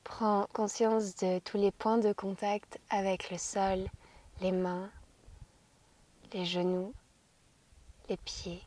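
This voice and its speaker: A woman teaches yoga in a soothing, gentle voice. Her tone is dark and soft, breathy to the edge of a whisper. She guides slowly, with long, unhurried phrasing and a calm, narrow melody. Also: medium pitch. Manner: soothing, slow, gentle guidance.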